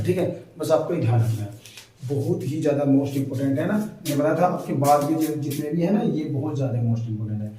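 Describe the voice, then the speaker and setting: Echoey teacher far from the mic. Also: male voice, a little high, mellow. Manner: repeats checks like "ठीक है" and "है ना"; stretches words out slowly to spell them. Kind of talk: exam-prep lesson. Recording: very echoey room, far from mic, faint noise.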